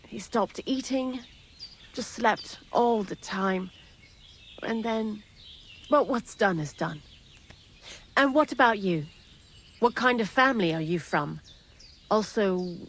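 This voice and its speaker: A slightly high female voice, slow and full of pauses, brings to life a sardonic, chatty young thief lying low as the miller's accomplice in a game. There's slight background noise.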